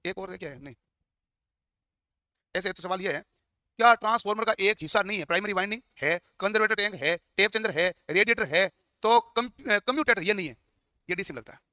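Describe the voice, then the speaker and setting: A high-voiced man lectures at a quick clip. His tone is bright and forceful as he quizzes the class and answers his own questions. The sound is dry and close. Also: dry recording. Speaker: teacher.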